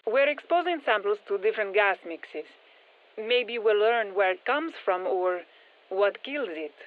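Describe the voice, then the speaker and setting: Thin band-limited radio audio with some long hall reverb carries the processed voice of a video game scientist and engineer briefing operators. She's a brisk, sharp-minded woman studying an alien parasite, voiced by an actress with a Spanish accent at medium pitch. She's animated but matter-of-fact and technical, and the sound is narrow and tinny.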